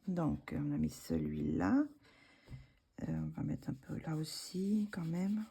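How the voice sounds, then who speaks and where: Low gravelly French woman demonstrating. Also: slow pace. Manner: relaxed, hesitant, thinking aloud while working. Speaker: art tutorial host. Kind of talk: casual craft tutorial narration.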